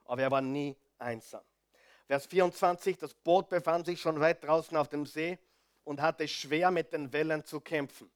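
A male preacher with a fairly high voice, reading scripture and then breaking off to speak straight to his congregation. He is animated, dropping to soft asides and then punching key words out loud. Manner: animated, addresses the audience directly; swings between soft asides and loud stresses. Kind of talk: sermon with Bible reading.

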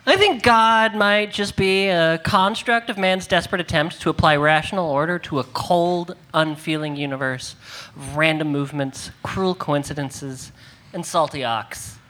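A woman doing a deadpan cynical young pope. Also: sits low, normal speed.

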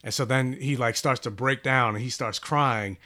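A man's voice: medium pitch, normal speed, bright, forceful tone. A man on a podcast casually recapping a comic book, rambling with many fillers and restarts. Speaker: podcast host reviewing comics.

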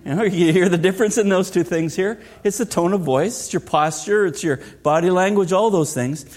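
A middle-aged male pastor delivers a sermon in an earnest, pressing way. He often poses rhetorical questions to the congregation, and his voice sits a little higher than most men's. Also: brisk, a little mellow.

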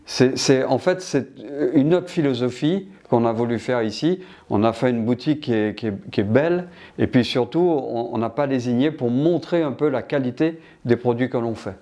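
A man's voice: mid-range voice, normal speed, few pauses, dark tone. An older man from Martinique answering interview questions about his business, hesitant with many restarts.

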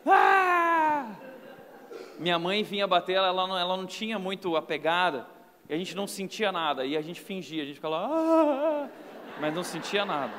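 Brazilian preacher guy, high pitched, animated storytelling, echoey church hall. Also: fast. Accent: Brazilian Portuguese. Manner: animated storytelling with acted-out quotes. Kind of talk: sermon. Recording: long hall reverb.

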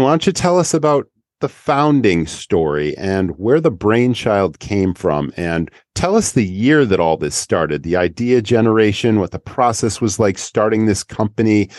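A man's voice: lowish voice, expressive, measured pace, dry recording, studio quality. A male podcast host interviewing guests, enthusiastic and talking in long run-on thoughts.

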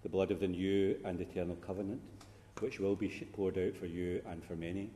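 A very low, mellow male voice reciting liturgical prayers in a measured, solemn way. His words roll out into a long cathedral echo that hangs in the large church. A faint hum of the room sits underneath. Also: steady tone. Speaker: priest celebrating a funeral Mass.

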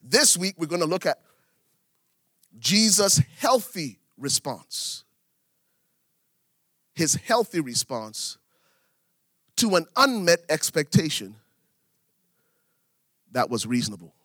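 A middle-aged preacher from Liberia delivers his sermon in a bright, forceful voice that sits a little high for a man. He leans on repetition, swinging his pitch and volume widely to drive each point home. The sound is close and dry. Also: sing-song, slow, pauses often, no room sound. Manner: preaching with big swings in pitch and volume, repeating phrases for emphasis. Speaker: pastor.

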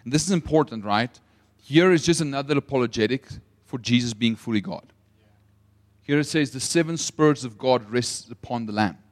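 A young South African pastor delivers a sermon, telling a story that swings between loud emphasis and quiet asides. His voice is mid-range and his pace is normal.

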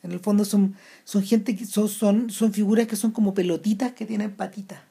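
A woman's voice: medium pitch, steady tone, normal speed, gravelly, warm tone. A woman with a Chilean accent, talking casually about a film, hesitant with many restarts. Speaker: film commentator.

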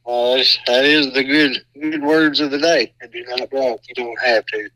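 Bright-voiced halting man in radio interview. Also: medium pitch, steady tone, dry recording, low-quality recording. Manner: halting, plainspoken. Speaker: county sheriff, interview guest.

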